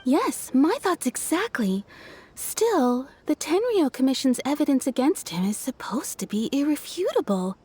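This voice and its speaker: Wry game townswoman, high lively voice, amused storyteller, faint music. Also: unhurried, slight background noise. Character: adult townswoman, wry and level-headed. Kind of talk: video game voice acting.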